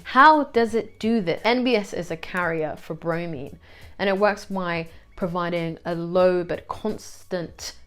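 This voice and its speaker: A woman tutor with a gravelly, creaky voice reads out revision questions and answers each one, dropping dry asides in between. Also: on the low side.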